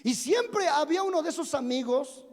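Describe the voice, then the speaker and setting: A man's voice: very high-pitched, expressive, normal speed. A pastor in his forties preaching a sermon, telling humorous stories about himself and asking the congregation questions. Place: church sanctuary. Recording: long reverb of a church hall.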